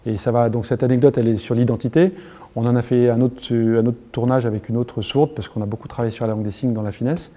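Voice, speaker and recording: Very dark-voiced French man, halting speech. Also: mid-range voice, steady tone. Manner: halting, many restarts and fillers, earnest. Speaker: motion capture engineer being interviewed. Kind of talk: unscripted interview answer.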